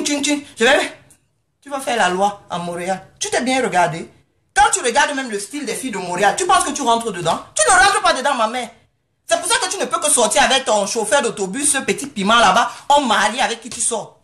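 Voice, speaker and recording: In a confrontational rant straight to camera from home, a woman answering her critics mocks and scolds them sarcastically, constantly checking "you understand?" Pitch runs fairly high, and her tone is a bit bright.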